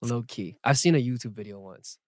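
A young man hosting a podcast in a playful, lively way, reading listener questions and chatting casually. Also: mid-range voice, a little fast, dry recording, studio quality. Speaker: podcast host.

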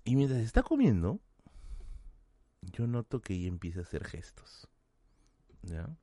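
A man with a Lima Peruvian accent, a podcast host telling a self-mocking anecdote in a casual, animated way. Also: lowish voice, unhurried, no room sound. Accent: Peruvian Spanish, Lima.

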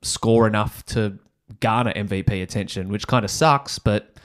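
A man's voice: on the low side, moderate pace. A man with an Australian accent hosting a sports podcast in a casual, slangy, matey way.

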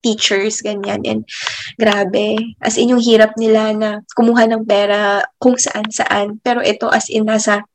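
A young woman in her twenties, a teacher, telling a personal faith story in a casual, chatty way. She laughs often and lets many phrases trail off softly. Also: mid-range voice, little pitch movement, measured pace, slight background noise. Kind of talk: casual faith testimony vlog.

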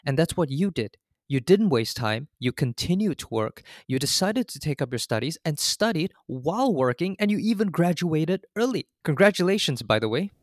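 A man's voice: fairly high pitch, sing-song, normal speed, hardly any pauses, dry recording, clean studio sound. A man co-hosting a student podcast, asking polished, semi-scripted interview questions. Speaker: podcast co-host.

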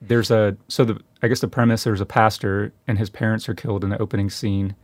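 Low-voiced rambling podcast co-host. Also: male voice, flat delivery, dry recording. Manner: halting, rambling with many restarts. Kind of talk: casual film chat.

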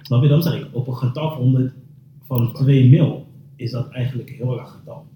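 A man in a casual podcast chat, calm and reasoning as he explains his point. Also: mid-range voice, fairly quick. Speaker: podcast co-host. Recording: roomy echo from off the mic, faint noise.

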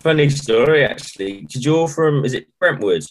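A man with a British accent, chatting casually as an interview guest in a halting, matey way. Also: mid-range voice, lively intonation, heavy background noise. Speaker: band musician, interview guest. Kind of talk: casual chat.

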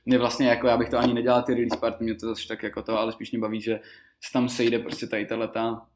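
A man telling loose, rambling stories as a guest, laughing often and filling pauses with lots of small words. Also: medium pitch, monotone. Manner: rambling, laughing, full of fillers. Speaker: guest rapper. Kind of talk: casual storytelling.

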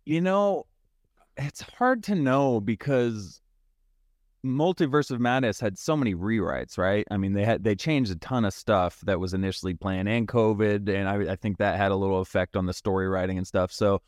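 Male podcast guest, low voice, easy laugh, hedging takes, dry mic. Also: normal speed, darkish tone, dry recording. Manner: laughs often, hesitant opinions. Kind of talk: casual podcast chat.

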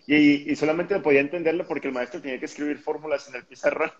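A man's voice: a little high, steady tone, quick pace, dull audio. A man joining a casual conversation with short, agreeable remarks.

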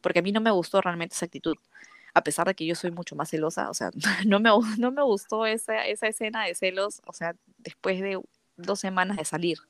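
Gravelly woman telling a story. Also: medium pitch, a little fast, dry recording. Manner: lively, acts out quoted dialogue, frequent fillers. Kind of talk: casual anecdote telling.

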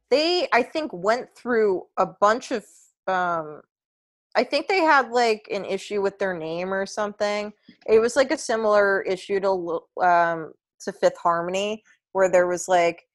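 On a podcast, a young woman co-host with a low voice talks casually about pop music. She rambles, using plenty of fillers and restarting her sentences.

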